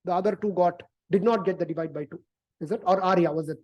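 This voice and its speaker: A woman's voice: lowish voice, fast, a little mellow, lo-fi sound. A woman teaching a math class, explaining in a conversational way, repeating words and often ending sentences with "right?". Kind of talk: online algebra lesson, explaining.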